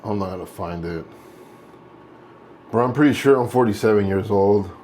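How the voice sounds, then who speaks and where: With a lowish, slightly mellow voice at a moderate pace, a vlogger in his late forties rambles casually as he shaves. He's relaxed and often revises his own words, over a faint hiss or hum.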